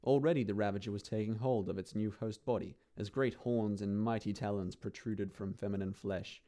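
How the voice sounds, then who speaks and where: Dark-voiced man narrating dark fantasy. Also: on the low side, fairly even intonation, brisk. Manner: dry, theatrical, relishing delivery. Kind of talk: dramatic dark-fantasy storytelling.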